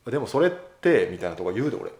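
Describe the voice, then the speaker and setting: Fast-talking Kansai man, lively voice. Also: mid-range voice, roomy sound. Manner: rambling, self-correcting, laughs easily. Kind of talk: casual chat.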